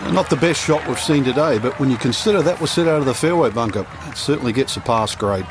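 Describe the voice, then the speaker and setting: A man giving golf commentary as an analyst, measured and evaluative. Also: mid-range voice, lively intonation, lightly acted. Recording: noisy outdoor crowd ambience. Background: crowd, outdoor noise.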